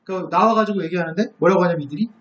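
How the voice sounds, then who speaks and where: A high-pitched male Bible teacher tells the story in a lively way, asking the room question after question. The recording is dull and lo-fi, with plenty of echo from a lecture room. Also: racing. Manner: animated storyteller who asks rhetorical questions.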